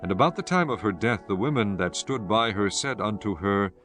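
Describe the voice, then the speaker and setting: A man reading scripted scripture narration in a solemn, measured manner. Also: lowish voice, animated, a bit bright, soft background music.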